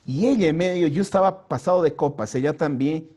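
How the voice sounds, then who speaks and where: A male pastor telling his conversion story to a youth group in an earnest storytelling way, dropping soft and slow for prayers. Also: fairly high pitch. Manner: earnest storytelling, acts out quoted lines in a raised voice. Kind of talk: personal testimony to a youth group. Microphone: home mic for an online vigil.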